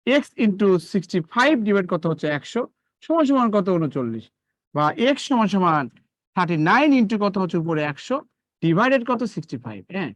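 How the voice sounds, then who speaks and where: Male math teacher, rapid patter, swinging pitch, keeps re-asking the class. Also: fairly bright tone, no room sound. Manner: repeats questions to students, coaxing and drilling. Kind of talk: live online math lesson.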